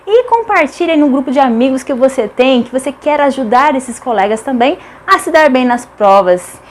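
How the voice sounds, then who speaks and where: Brazilian lady teacher, bit high voice, super emphatic, keeps repeating words and asking why. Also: lively intonation, normal speed. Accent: Brazilian Portuguese. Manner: emphatic, repeats key words, asks rhetorical questions. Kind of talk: online grammar lesson.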